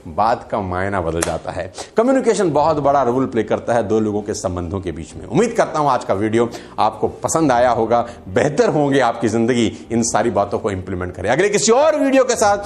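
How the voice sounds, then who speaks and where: A man giving an emphatic motivational talk who acts out quotes and jokes. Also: medium pitch. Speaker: motivational speaker.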